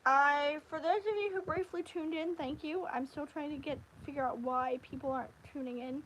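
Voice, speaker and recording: A high-pitched woman hosts a casual stream about anime. She rambles and restarts her sentences, her voice lively and chatty. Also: moderate pace, poor audio. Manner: rambling, animated, with frequent restarts and fillers. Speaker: livestream host. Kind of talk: casual anime review chat.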